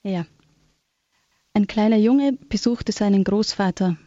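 A woman chatting and then reading a Christmas story aloud in a gentle, warm way. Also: medium pitch, measured pace, no room sound. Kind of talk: conversational chat, then read-aloud storytelling. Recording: dull lo-fi dry sound.

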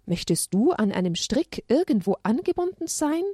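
A woman voicing a gentle, caring mother in a children's story, calm and reassuring. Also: on the high side, normal speed, breathy edge, no room sound, clean studio sound, voice pushed up. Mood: soothing.

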